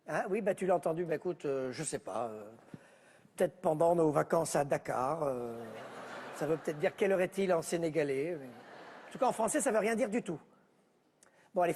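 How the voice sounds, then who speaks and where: This one-man stand-up sketch features a man quarreling sarcastically with family members nobody can see, all over a board game. His high-pitched voice has a darkish tone, and the large-hall recording carries a little hiss or hum.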